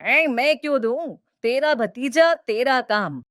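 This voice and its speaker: A woman's voice: high-pitched, expressive, takes it slowly, dry recording, clean studio sound. A woman voicing a bossy greedy mother-in-law. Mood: indignant. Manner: bossy, nagging, demanding. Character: greedy scheming middle-aged mother-in-law. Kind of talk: cartoon voice acting.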